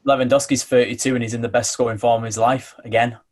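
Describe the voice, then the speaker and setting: A blunt, sweary English man chatting about football on a podcast. He trips over his words and restarts often. His voice sits at an ordinary middle pitch. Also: flat delivery, fast, a little mellow. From England. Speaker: podcast co-host. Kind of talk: casual chat.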